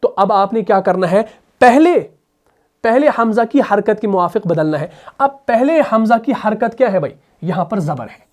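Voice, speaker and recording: A male teacher explains recitation rules at a measured pace. He keeps asking rhetorical questions and answers them himself, and he slows right down to repeat sounds for his students. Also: high voice, animated, a little mellow. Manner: drills sounds by slow repetition. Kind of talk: explanatory tajweed lesson.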